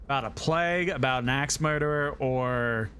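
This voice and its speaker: A man's voice: mid-range voice, normal speed, a bit bright, a little hiss or hum. A man streaming a game live, chatting casually, swearing now and then and reading chat messages aloud.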